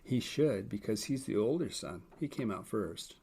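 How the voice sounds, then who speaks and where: A man's voice: fairly low pitch, expressive, normal speed, mellow, husky. A man co-hosting a casual podcast, reading Bible verses aloud and explaining them plainly with an occasional dry joke. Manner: explains plainly, with small restarts and dry jokes.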